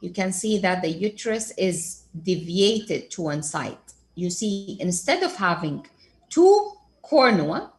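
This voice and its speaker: A woman's voice: on the low side, very animated, slow. A woman giving a radiology lecture over case slides. She asks herself questions and then answers them as she walks through each image step by step. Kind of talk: case-based teaching lecture.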